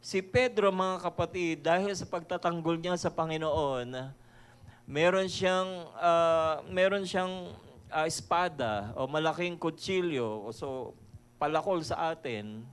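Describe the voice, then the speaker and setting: A pastor from the Philippines giving a conversational sermon, mixing Tagalog and English, reading verses slowly and chuckling as he asks his listeners questions. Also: fairly high pitch, clear, resonant tone. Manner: reads scripture verses slowly and deliberately; chuckles often, asks the audience rhetorical questions.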